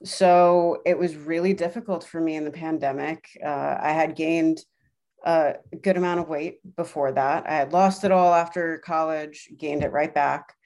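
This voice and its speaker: A woman with a fairly low voice, talking casually as a guest on a podcast. She tells her own story in a conversational interview style. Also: fairly even intonation, normal speed, a little mellow.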